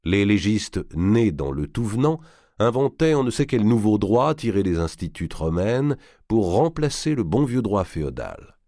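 A man narrating a historical novel aloud in an expressive, theatrical reading. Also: fairly low pitch, unhurried, no room sound, studio quality. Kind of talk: dramatic audiobook reading.

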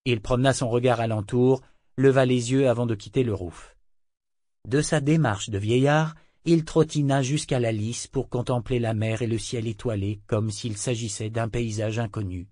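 Even-voiced male audiobook narrator. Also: medium pitch, moderate pace, no echo, studio quality. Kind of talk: scripted narration.

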